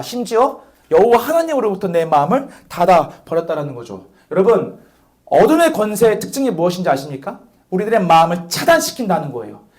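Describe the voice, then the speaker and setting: A young man preaching a sermon to a youth group as their pastor, asking rhetorical questions and calling on listeners by name. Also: sits high.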